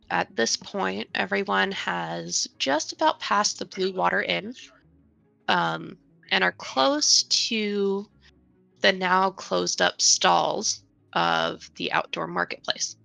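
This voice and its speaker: Woman game master, slow and gravelly, halting narration, dry sound with faint music. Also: lowish voice, pushed and bright, no echo.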